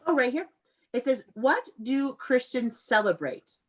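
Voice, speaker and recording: With lively intonation and an unhurried pace, an American elementary school teacher with a fairly high voice runs a read-aloud lesson on a video call. She's encouraging, prompting the children with questions and praising their answers.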